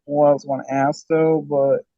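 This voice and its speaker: Man, hesitant, stumbling, slightly high voice, dry dull video-call audio. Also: little pitch movement, moderate pace, warm tone, no echo. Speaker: webinar participant. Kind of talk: asking a question.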